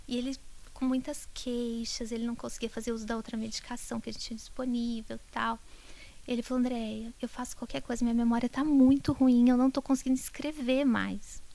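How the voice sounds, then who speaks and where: A middle-aged woman doctor talks on a podcast in a rather high voice. She tells her stories with feeling, swinging from bright outbursts down to near whispers. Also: creaky. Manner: emotional, animated storytelling that drops to a whisper. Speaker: doctor treating multiple sclerosis patients. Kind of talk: podcast interview storytelling.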